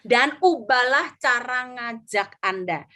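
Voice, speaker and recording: A woman's voice: a little high, slow. A middle-aged woman, an insurance agency leader giving a motivational sharing talk, acting out quotes and mixing in English words. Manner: lively storyteller, acts out quotes, mixes in English.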